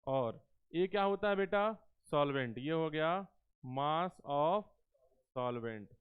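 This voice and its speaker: A man teaching chemistry in a live class, coaxing students with questions and slowing down to dictate terms word by word. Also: on the high side, lively intonation, clean tone. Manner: coaxing, keeps asking students questions and calls them beta. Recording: tinny phone-like lecture recording.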